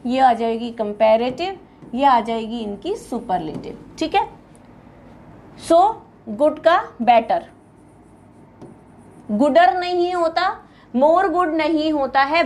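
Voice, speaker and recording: Her voice sits high as this Indian-accented teacher works patiently through an English grammar lesson, repeating word lists slowly and calling students "beta". A little hiss or hum is audible.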